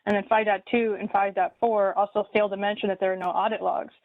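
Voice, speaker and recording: A woman's voice: medium pitch, level tone, fast, no echo. A woman giving a detailed, methodical public comment at a city meeting. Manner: detailed, methodical, with many ums. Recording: tinny phone-like line.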